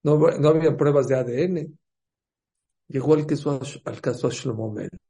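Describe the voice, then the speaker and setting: Speaking at a moderate pace, this male religious teacher has a warm, mid-range voice that is slightly rough with vocal fry. His talk is built on storytelling, with questions for the audience and characters given their own voices.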